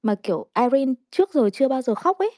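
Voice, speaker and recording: A woman's voice: sits high, very animated, quick pace, dark tone, dry recording, clean studio sound. A woman, chatting casually in a crude, self-mocking, rambling way full of restarts. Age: 30s. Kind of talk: casual chat.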